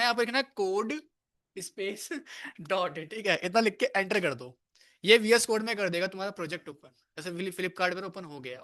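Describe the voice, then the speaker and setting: A man's voice: sits high, a bit bright. A man teaching programming to a class in a room, casual and chatty, coaxing and teasing his students. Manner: casual, scolds and coaxes students. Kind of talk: live classroom lecture.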